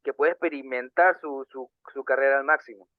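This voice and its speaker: A young man co-hosting a casual podcast, earnest and halting, with many fillers and restarts. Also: medium pitch, fairly even intonation, dry recording. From Panama. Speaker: podcast co-host. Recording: tinny phone-like sound.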